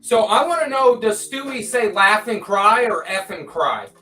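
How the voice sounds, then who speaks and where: A man's voice: sits high, expressive, normal speed, pushed and bright. A man chatting on a casual livestream, laid-back and rambling as he tells stories. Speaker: co-host. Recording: distant echoey mic with faint music.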